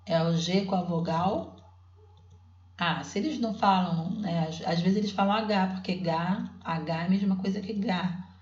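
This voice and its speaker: A woman teacher with a lowish voice walks through her classroom method step by step, stretching out syllables patiently. The recording is dull and roomy, as if made at home with a basic device. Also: darkish tone. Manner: patient, explanatory, spells out syllables slowly. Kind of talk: explaining classroom literacy work.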